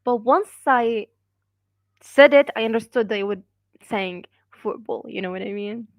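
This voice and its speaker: Slow-talking woman streamer. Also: fairly high pitch, no room sound, clean studio sound. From Gaza, Palestine. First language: Arabic. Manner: hesitant, many fillers, laughs often. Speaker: livestream host. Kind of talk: casual livestream chat, reading viewer comments.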